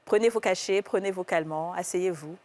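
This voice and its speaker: A woman's voice: lowish voice, normal speed, a little mellow, a little hiss or hum. A woman hosting a TV talk show in a playful, laughing way.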